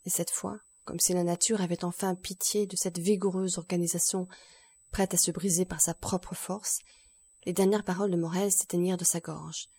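Low husky woman reading a novel. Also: level tone, moderate pace, mellow. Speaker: audiobook reader. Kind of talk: classic novel narration.

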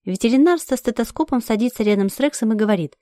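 A woman's voice: on the high side, animated, fast talker, warm tone, no echo, clean studio sound. A woman narrating a first-person story aloud with urgent, emotional delivery. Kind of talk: first-person audiobook reading.

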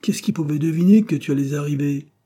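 A man voicing a shrill, ill-tempered working wife who scolds and shouts. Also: normal speed, slightly rough. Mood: scolding. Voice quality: piercing, shrill.

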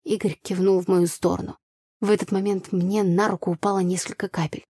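Woman narrator, audiobook, husky voice, dry close sound. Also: mid-range voice, flat delivery, fairly quick, warm tone, no echo. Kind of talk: first-person audiobook narration.

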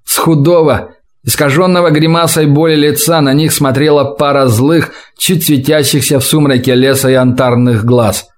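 A man reading a gritty audiobook in steady, measured narration. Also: fairly high pitch. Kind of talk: scripted narration.

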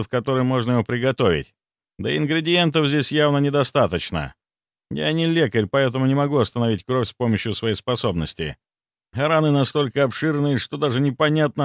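A man narrating a fantasy audiobook in the first person, expressive and storytelling. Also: medium pitch, no room sound, highs cut off.

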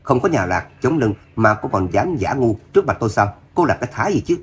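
A man's voice: sing-song, fast, breathy edge. A man voicing a sneering, spiteful rich young woman. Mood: mocking. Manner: sneering, shrill when angry.

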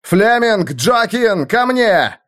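A man's voice: on the high side, lively intonation, measured pace, voice pushed up. A man voicing a ruthless warrior lord who speaks with cold menace and barks commands. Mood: commanding.

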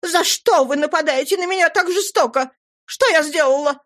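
A woman voicing a proud young woman who sobs and complains in a high wail. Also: moderate pace. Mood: tearful outrage. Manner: high, loud, wailing complaint. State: sobbing. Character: proud young woman, tearful and self-pitying.

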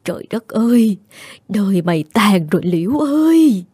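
Older village aunt, man doing a shrill falsetto, husky, scolding, agitated, storytelling. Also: a little fast, dark tone. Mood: frantic scolding.

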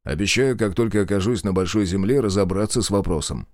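A man voicing a calm, serious male officer who speaks slowly and plainly in an audiobook. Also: low-pitched, dry recording, studio quality, close to an everyday voice.

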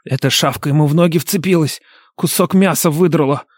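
A man's voice: on the high side, a little fast, no room sound, studio quality, voice pushed up, natural voice. A man voicing a remorseless male captive with a grating, scraping voice. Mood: defiant.

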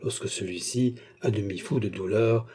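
A man reading a classic novel aloud as an audiobook narrator, in a measured, even way. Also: fairly low pitch, husky.

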